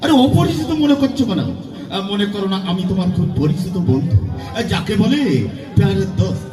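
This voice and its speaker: Hammy, high-pitched lecherous stage villain. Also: male voice, big pitch swings, recorded from a distance. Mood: oily, flirtatious, boastful. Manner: hammy, declamatory, drawn-out theatrical delivery with sudden swells. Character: lecherous, boastful, menacing male stage villain. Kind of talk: hammy Bengali jatra folk-theatre stage acting. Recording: echoey stage PA from afar, music, crowd.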